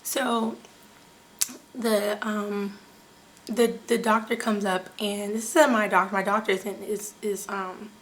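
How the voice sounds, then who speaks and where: A woman's voice: medium pitch, little pitch movement, slow, low-quality recording. Young woman, casual vlogger, candid and chatty, mid-range voice, faint background noise. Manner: chatty, candid, many fillers, addresses viewers directly. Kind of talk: casual storytelling to camera.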